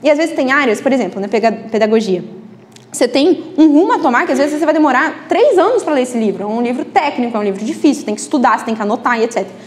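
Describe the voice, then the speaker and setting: A woman's voice: high voice, expressive, racing. A woman teaching a live book club class in a chatty way, often adding tag questions. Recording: reverberant classroom.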